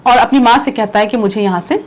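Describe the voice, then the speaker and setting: A woman's voice: on the high side, poor audio. A woman teaching a language lesson, repeating words and explaining how to pronounce and spell them. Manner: explains pronunciation. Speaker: Urdu teacher.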